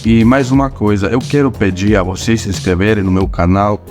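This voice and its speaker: A man's voice: lowish voice, steady tone, a little fast, a little mellow. A man from Croatia speaking with a Croatian accent, hosting his own scripted explainer vlog and pronouncing names carefully. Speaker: channel host. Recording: faint music underneath.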